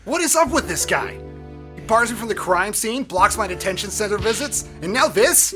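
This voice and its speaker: A woman's voice: medium pitch, animated, moderate pace, pitched above the performer's own voice, lightly acted. A woman voicing an earnest young male attorney hero in a bold heroic voice for a video game read-aloud. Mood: earnest, exasperated. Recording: music playing behind the voice.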